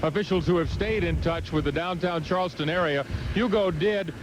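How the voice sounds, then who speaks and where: A man reporting live from outdoors in a storm, halting and raising his voice over the wind. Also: a little high. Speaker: field reporter. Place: outdoors in a hurricane. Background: loud outdoor storm ambience.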